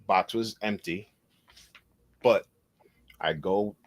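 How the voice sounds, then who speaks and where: A man guest on a podcast, telling a long anecdote in a loose, animated way and acting out the dialogue as he goes. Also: lowish voice, very slow. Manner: animated, acts out dialogue in his stories; loose phrasing with frequent restarts. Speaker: podcast guest, cybersecurity consultant. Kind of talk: conversational storytelling.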